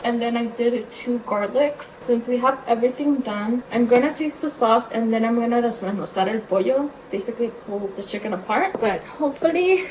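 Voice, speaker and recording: A woman with a high, bright voice chats through a casual cooking vlog in her home kitchen. She talks loosely, leaning on "like" and slipping Spanish words in among the English. The recording carries a faint hiss. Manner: chatty, fillers of "like", drops in Spanish words. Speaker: lifestyle vlogger.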